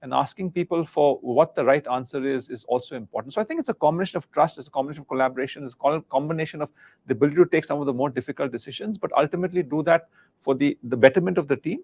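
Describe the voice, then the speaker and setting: A middle-aged man from India speaks quickly and earnestly, a little high in pitch. His voice has a gravelly edge, and he repeats words as he gropes for the next thought. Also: a little mellow. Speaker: guest, former senior business leader. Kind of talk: live interview on leadership.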